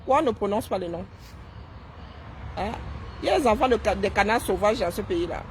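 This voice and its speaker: A woman's voice: medium pitch, lively intonation, brisk, a little hiss or hum. Sarcastic woman live-streaming. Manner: sarcastic, mocking, keeps asking "hein?". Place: seated indoors.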